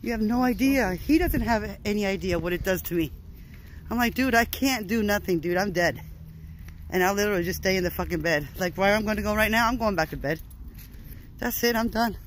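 A man's voice: sits high, a bit bright, slight background noise, poor audio. A man vlogging outdoors on a short walk, talking in a weary, frustrated way with sighs and swearing. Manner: weary, frustrated, sighing, profane, drawn-out phrases. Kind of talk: casual vlog talk.

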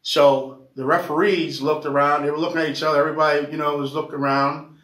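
A man talking earnestly in a casual discussion, halting with many fillers as he recalls an experience. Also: a little high, little pitch movement, a bit bright. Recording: roomy echo, mic at a distance.

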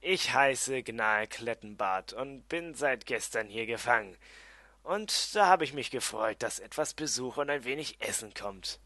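A man's voice: mid-range voice, expressive, a little slow, no echo. A man voicing a small, irritable male dwarf prisoner in an audiobook. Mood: annoyed. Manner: irritable, loud.

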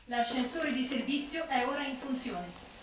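A woman voicing a calm female facility computer that gives automated warnings over a public address loudspeaker in a game. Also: high-pitched, normal speed, very noisy. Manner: calm, even automated announcements. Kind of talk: game voice acting. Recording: echoey, with loud game music.

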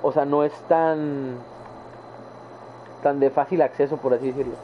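A man's voice: mid-range voice, fairly even intonation, moderate pace. A young adult man with a northern Mexican accent, chatting casually and rambling in slang to his viewers during a live game stream. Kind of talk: casual chat while gaming live. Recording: tinny phone-like sound with faint background noise.

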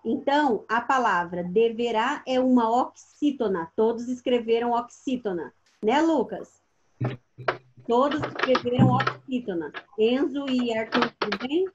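A woman teaching young pupils online. Her voice sits rather high, and she quizzes each child by name with steady patience. The call audio is muffled and lo-fi, with a faint hiss underneath. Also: a little slow. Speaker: primary school teacher. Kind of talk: online class instruction.

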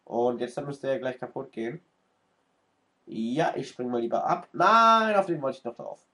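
A man with a stuffy nose from a cold, doing excitable let's-play commentary and cursing at the game. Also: medium pitch, moderate pace. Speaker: let's player.

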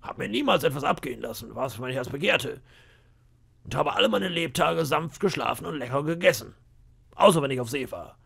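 Guy doing a gravelly raspy old pirate cook, sly and bragging, kinda high and bouncy. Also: expressive, fairly quick, a bit bright, full character voice. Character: boastful scheming old pirate cook, man about fifty. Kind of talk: audiobook character voice.

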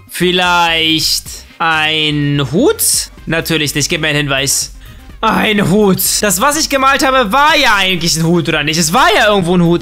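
Lively young man, bright voice. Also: high voice. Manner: animated, joking, talks to the game characters. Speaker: gaming YouTuber. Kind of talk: casual let's-play commentary.

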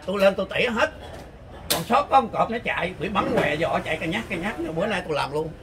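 High-voiced southern Vietnamese man trash-talking. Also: animated, quick pace. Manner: teasing, boastful, laughs a lot. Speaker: street chess player. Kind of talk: casual trash-talking banter over a game. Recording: crowd chatter behind.

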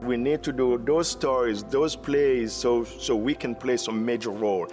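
A man's voice: mid-range voice, a little slow, a little mellow, faint music behind. A middle-aged man from Haiti with a Haitian accent, a theater director speaking earnestly in an interview, with many restarts. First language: Haitian Creole. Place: indoor theater seating.

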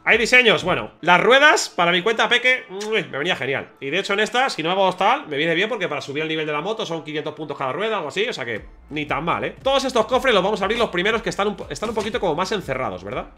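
A man with a Spain Spanish accent giving chatty, excitable live gameplay commentary to his viewers. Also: high-pitched, very fast, few pauses. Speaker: gaming streamer.

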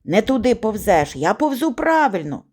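A woman's voice: mid-range voice, sing-song, moderate pace, a little mellow, husky. A woman voicing Yava, a bold, bossy village boy who hisses and scolds, in an audiobook reading. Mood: shouting through corn.

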